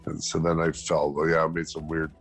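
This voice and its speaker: A man's voice: rumbling low, a little fast, faint music behind, low-quality recording. A middle-aged man recounting a family event in an interview, acting out the voices of the people he quotes. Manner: animated, acts out quoted dialogue. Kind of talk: emotional interview storytelling.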